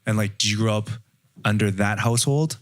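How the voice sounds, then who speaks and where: Low-voiced man, casual, dry mic. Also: a little fast, dry recording. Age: adult. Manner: casual, lots of "like" and "sort of". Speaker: podcast co-host. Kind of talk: casual discussion.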